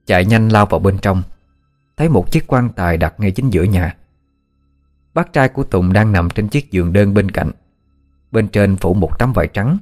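A man narrating a ghost story in a measured, steady way. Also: lowish voice. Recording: faint background music.

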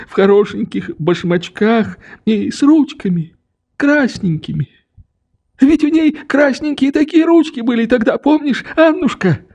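A man's voice: very high-pitched, warm tone, lo-fi sound, pitched above the performer's own voice, exaggerated voice. A man reading the part of an old grieving father who tenderly begs his daughter's forgiveness, in a trembling, pleading voice. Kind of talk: audiobook reading.

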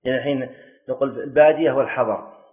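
A man's voice: mid-range voice, fast talker. Man teaching, tinny recording. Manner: explains step by step and quizzes students; repeats key words for emphasis. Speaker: teacher of Islamic jurisprudence. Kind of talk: classroom lesson. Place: classroom with students.

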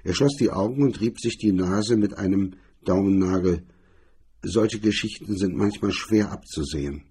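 A man narrating a crime story in a measured, steady reading. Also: sits low, breathy edge.

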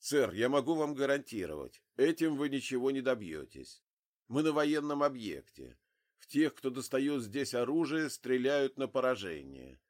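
A man voicing a calm official who talks down an armed father, in an audiobook. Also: mid-range voice, normal speed, natural voice. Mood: firm. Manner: calm, firm. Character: calm male official, steady negotiator.

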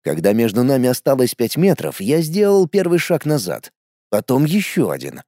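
A man reads a first-person adventure audiobook in a lively, animated way, his pitch moving a lot. His tone is dark and mellow, somewhat higher than most men's. The close recording is dry, with no room sound. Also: moderate pace, no echo. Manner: lively storytelling with shouted character lines. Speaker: audiobook narrator.

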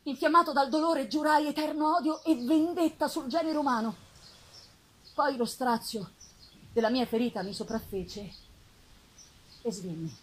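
A woman giving a theatrical, intense literary reading as a lonely, embittered male monster, with deliberate pauses and swells. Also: sits high, lightly acted, low-quality recording. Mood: bitter rage. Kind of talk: dramatic literary reading of a gothic novel. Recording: live festival reading with clear noise.

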